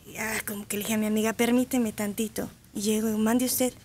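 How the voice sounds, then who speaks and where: Lively Mexican woman telling a story. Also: a little high, brisk, a little hiss or hum. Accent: Mexican Spanish. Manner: lively anecdote with acted quotes. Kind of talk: casual radio chat, storytelling.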